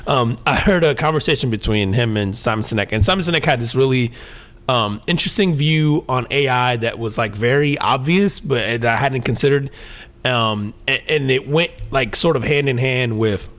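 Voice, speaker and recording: A man's voice: mid-range voice, moderate pace, a bit bright. A man chatting on a podcast with an easygoing, meandering delivery. He tells stories at length, restarts his sentences, and leans on fillers. He swears and laughs easily. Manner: rambling, laid-back storytelling with many fillers and restarts. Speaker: podcast co-host. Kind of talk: casual chat.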